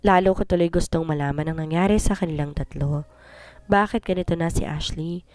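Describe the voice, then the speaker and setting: A young adult woman narrating a first-person story with a fairly low voice. Her delivery is expressive and slips English phrases in now and then. The recording is close and dry. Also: a little fast, no room sound.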